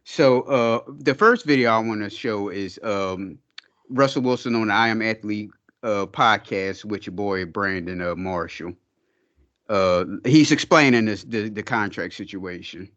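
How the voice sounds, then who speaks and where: A man's voice: on the low side, a little slow, fairly bright tone, highs cut off. A man co-hosting a podcast in casual chat, laughing often and using loose slang. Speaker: podcast co-host.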